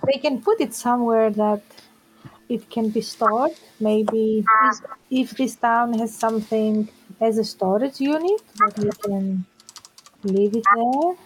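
A woman's voice: a little high, a little hiss or hum, poor audio. A woman playing in an online tabletop game over a video call. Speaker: player.

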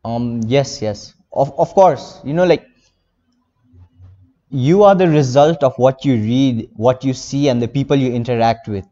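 A man's voice: medium pitch, unhurried, warm tone, long reverb tail, muffled recording. A teenage boy from India speaking earnestly as an interview guest, rambling with many fillers. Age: teens. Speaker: interview guest, young novelist. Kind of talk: casual interview.

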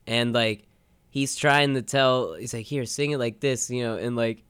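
A young man co-hosting a podcast in casual chat, laid-back, laughing often and trailing off into quiet asides. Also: mid-range voice, a little slow, smooth, no echo. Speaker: podcast co-host.

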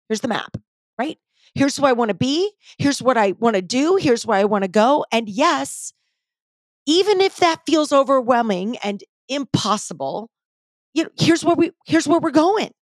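A woman's voice: fairly high pitch, dry recording. A young woman hosting a solo motivational podcast, speaking emphatically in short repeated phrases with casual slang and swearing. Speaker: podcast host.

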